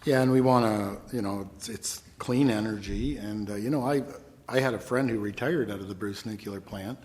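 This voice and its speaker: A man's voice: lowish voice, moderate pace, a little mellow. A man asking questions at a legislative committee hearing in a plainspoken, folksy way. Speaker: committee member. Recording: long reverb in a hearing room.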